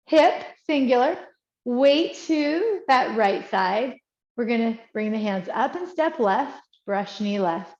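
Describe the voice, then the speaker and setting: A woman teaching tai chi, giving calm, encouraging movement cues in short, unhurried phrases. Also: a little high. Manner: encouraging, praising as she guides. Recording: dull, echoey room sound.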